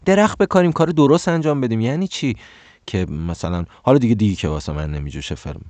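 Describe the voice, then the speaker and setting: Offering career advice in an informal monologue, this man grows heated, stammers often, corrects himself, and his voice climbs sharply when he's indignant. It's a lowish, expressive voice with a darkish tone, recorded dry.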